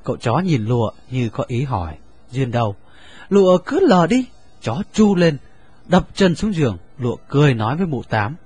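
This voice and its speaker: A man narrating a story in an expressive, lively reading. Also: mid-range voice, moderate pace, breathy edge.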